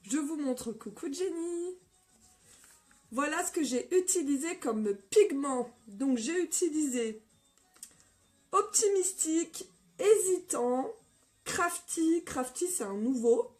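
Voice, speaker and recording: Slightly hoarse woman doing a makeup live on her phone, high voice, unhurried, chatty n upbeat, faint music behind. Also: animated, a little mellow. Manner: upbeat, greets viewers by name. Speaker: live makeup tutorial host. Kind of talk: casual live-stream chat and makeup demo.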